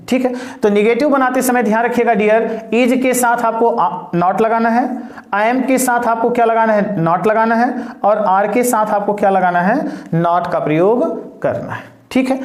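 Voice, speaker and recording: A male English teacher giving an online grammar lesson. He poses questions to his students and answers them himself, slows down to dictate example sentences, and calls his listeners dear and brother. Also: extremely high pitch. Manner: slow and deliberate when dictating example sentences. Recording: echoey room.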